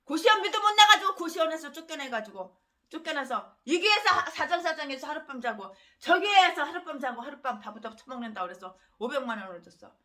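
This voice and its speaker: A woman pastor delivering a fiery, ranting sermon that swings between loud bursts and low, trailing drops. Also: animated, quick pace.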